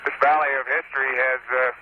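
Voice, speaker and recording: A man speaking as an astronaut in a measured, solemn formal address, heard over a crackly space radio transmission. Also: mid-range voice, little pitch movement. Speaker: astronaut on the lunar surface. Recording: noisy, muffled radio link.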